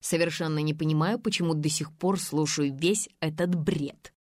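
A smug, dismissive rich businessman who drawls low and flat, as a female narrator voices him. His tone stays cool and dry. The sound is close with no room. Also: moderate pace, dry recording.

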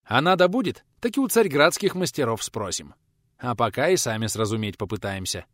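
Male narrator as older retired teacher, patient and worn out, hoarse, dry close sound. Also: mid-range voice, expressive, fairly quick, a bit bright, dry recording. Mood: explaining. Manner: hoarse, breathy, lecturing. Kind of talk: audiobook character voice.

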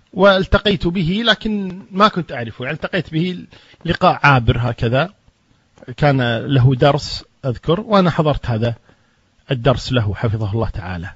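A man's voice: medium pitch, husky, dry recording. A man, an Islamic preacher from Kuwait, recounting an anecdote and acting out the dialogue with rising emphasis. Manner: recounts events plainly, acts out quoted dialogue with rising emphasis. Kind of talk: storytelling anecdote in a talk. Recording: dull lo-fi recording.

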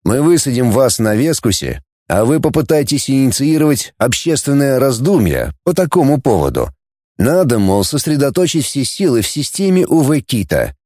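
A man's voice: mid-range voice, sing-song, normal speed, warm tone, no echo, studio quality. A man voicing a scheming fleet commander. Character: male supreme coordinator, scheming and commanding.

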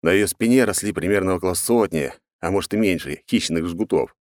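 A man narrating a first-person audiobook in a sardonic, deadpan manner. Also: low voice, a little fast, dry recording.

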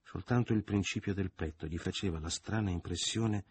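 A man narrates a novel in a low, husky voice, measured and dramatic, sometimes sinking almost to a murmur. The sound is close and dry, with no room around it. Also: no echo. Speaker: audiobook reader.

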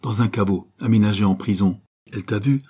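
A man reading a loyal young brother who reports back in quick, plain sentences. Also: lowish voice, dark tone, breathy edge. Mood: reporting.

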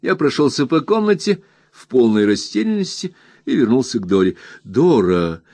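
A man narrating a classic novel in an expressive, measured storytelling voice, his pitch moving widely. The recording is dry and close, with no room echo. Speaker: audiobook narrator.

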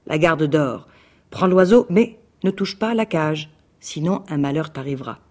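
A reader voicing a wise, gruff grey wolf in a read-aloud fairy tale, stern but kind. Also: mid-range voice, expressive, a little slow. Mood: warning. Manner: stern but kindly, scolding.

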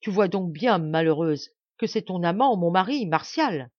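A woman's voice: mid-range voice, animated, moderate pace, no echo, lo-fi sound, natural voice. A woman voicing a cold, iron-willed young noblewoman who mocks and accuses her rival harshly. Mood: relentless.

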